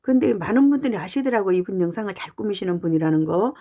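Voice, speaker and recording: Chatty mellow-voiced woman YouTuber. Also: medium pitch, animated. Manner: chatty and earnest, with frequent "uh" pauses. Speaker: fan channel YouTuber. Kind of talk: casual talking-head monologue.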